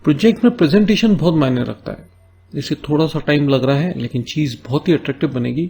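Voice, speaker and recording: The speaker is a man whose voice leans high, with vocal fry and a slightly mellow, husky quality. In this screen-recorded coding tutorial he walks through each step in Hindi, keeps asking "है ना?", and reads English task notes at a slow pace.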